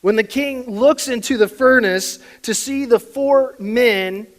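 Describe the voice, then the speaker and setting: A pastor delivering a sermon, swinging between quiet reflection and emphatic, louder stretches. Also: male voice, very high voice, slow pace, low-quality recording.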